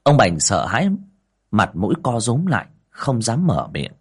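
A male narrator reading a ghost story aloud with dramatic, expressive delivery. His voice is low and slightly husky, rising and falling widely as he builds tension. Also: moderate pace. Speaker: audiobook narrator. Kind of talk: scripted horror story narration.

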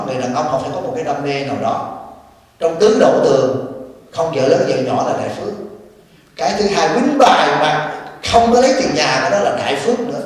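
A male Buddhist abbot, counseling a woman in a teasing, animated way during an informal Dharma talk. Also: high voice. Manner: teasing, animated, addresses listener as child. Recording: echoey hall, from far off.

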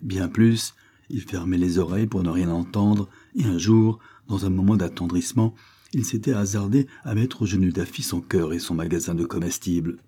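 Casting: male storybook reader, dark mellow tone, low, steady. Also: normal speed, breathy edge. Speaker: audiobook narrator. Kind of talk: scripted narration.

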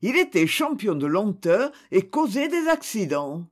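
A narrator reading a children's story aloud in a slow, expressive way. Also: medium pitch.

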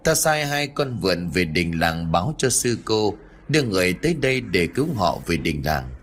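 A man voicing a calm older male monk master who speaks in a measured, instructive way, in an audiobook ghost story. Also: deep voice, exaggerated voice. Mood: steady.

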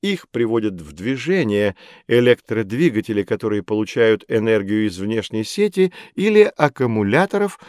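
In a low-leaning voice, a middle-aged man acts as an expert guiding children through history in a scripted educational audiobook, staying calm, patient, and measured. The studio microphone delivers clean studio sound without any echo.

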